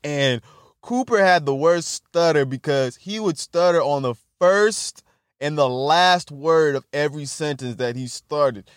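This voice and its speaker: In clean, echo-free studio audio, a young man with a slightly high, smooth voice hosts a podcast at an unhurried pace. His talk is a casual ramble full of laughter, cursing, a stutter and self-mockery.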